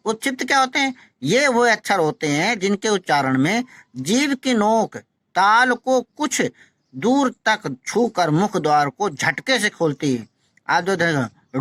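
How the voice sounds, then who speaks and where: A man's voice: high voice, bright, forceful tone, dry recording. Man teaching pronunciation, dry close sound. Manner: demonstrates sounds slowly, repeats syllables; instructive, urges practice. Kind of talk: phonetics lesson.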